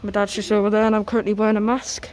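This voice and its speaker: Rapid-fire and flat, a young North East English woman with a medium-pitched, slightly mellow voice calls out train numbers and destinations for her train-spotting vlog. Her casual commentary is a bit muffled by a face mask, and the outdoor railway platform is noisy with vehicles.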